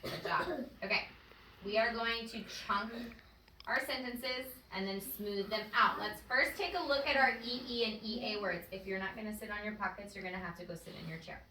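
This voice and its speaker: A woman's voice: medium pitch, normal speed, sharp tone, slight background noise. A woman teacher leading a phonics lesson with a child in a classroom, patient and encouraging. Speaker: first-grade teacher. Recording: echoey classroom audio from far off.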